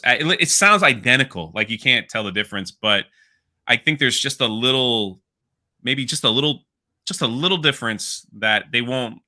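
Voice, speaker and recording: A man guesting on a casual podcast, joking around and rambling. His very bright voice moves around a lot, and he loops back over his own words. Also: on the low side. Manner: joking, rambling, repeats himself. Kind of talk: casual chat.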